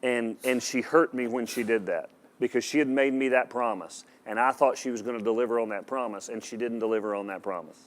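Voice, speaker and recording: A male pastor delivers a sermon with emphatic, direct energy, pausing to ask his audience questions. His pitch sits in the ordinary middle range for a man, and he tends to repeat words as he drives his points home.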